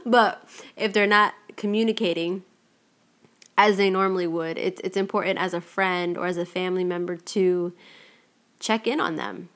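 A young woman with a slightly low voice co-hosts a relaxed conversation. She talks things through thoughtfully, circles back on her words and laughs easily along the way. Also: normal speed. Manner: thoughtful, laughs often, repeats words while thinking. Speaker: podcast co-host. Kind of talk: casual conversation.

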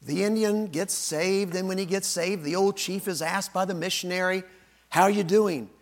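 A middle-aged male pastor preaching a sermon with animated, folksy stories. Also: high voice, normal speed. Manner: animated, folksy storytelling, acts out voices.

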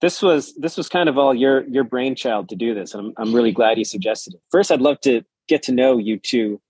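This man hosts a podcast interview, moving from a scripted intro into conversation with his guests and frequently restarting his words when improvising. His voice is medium in pitch, darkish and husky, and he speaks fairly quickly with no echo.

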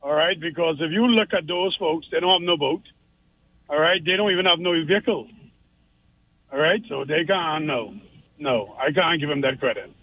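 A radio caller from the Turks and Caicos Islands shares his opinion on a call-in show, his fairly high voice at normal speed in a muffled recording. He makes his points earnestly, repeating himself often and adding tags like "all right?".

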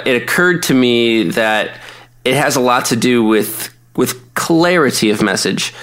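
Male podcast co-host, articulate and measured, mid-range voice. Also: medium pitch, a bit bright, smooth. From Minnesota, USA. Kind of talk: casual conversation.

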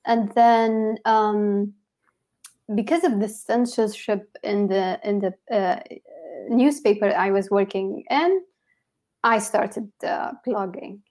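A woman from Yemen, a blogger and journalist, telling her story in an animated interview with many restarts. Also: medium pitch, takes it slowly. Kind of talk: conversational interview.

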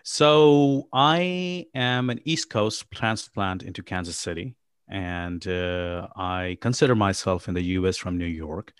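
Speaking slowly in a low, clear, resonant voice, a middle-aged startup founder from Pakistan chats in a podcast interview, rambling and dropping plenty of ums and uhs. The casual conversation is captured dry and clean in a studio.

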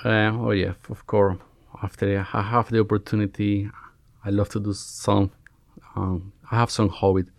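A Cuban man in his forties, a family medicine resident, is a guest being interviewed on a podcast and speaks with a Cuban Spanish accent. He often pauses and restarts while hunting for words, in a fairly low, gravelly voice with little pitch movement, and the audio has no echo.

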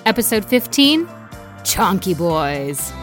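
A woman co-hosting a podcast, chatting casually in an animated, joking way. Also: mid-range voice, takes it slowly, over loud music. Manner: animated, swears, laughs often. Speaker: podcast co-host. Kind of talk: casual chat.

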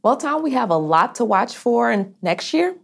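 A woman working as a podcast host, reading scripted lines in a polished, clearly phrased way. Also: fairly high pitch, very animated, moderate pace. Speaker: podcast host, multimedia editor.

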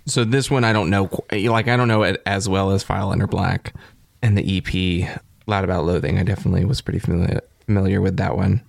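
Man, co-host, casual chat, enthusiastic, searching for words, fairly low voice. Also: steady tone, quick pace, gravelly, dry recording, clean studio sound. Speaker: podcast co-host.

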